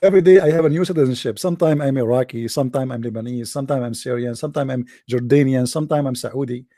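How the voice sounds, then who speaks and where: A man's voice: medium pitch, fast, mellow, no room sound. Sarcastic Arabic-accented man, dry close sound. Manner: sarcastic, mocking. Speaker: religious debater. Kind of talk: online debate talk.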